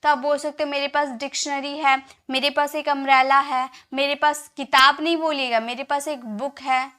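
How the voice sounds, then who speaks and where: A woman's voice: sits high, flat delivery, normal speed, pushed and bright. A woman teaching basic English words, spelling them out letter by letter and answering her own questions. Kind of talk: spoken English lesson.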